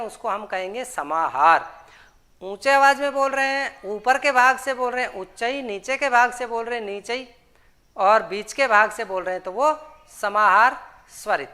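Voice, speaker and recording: A woman's voice: on the high side, sharp tone. A woman teaching a Sanskrit grammar lesson, patiently explaining terms and repeating each rule. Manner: patient, repeats terms and sutras, asks and answers her own questions.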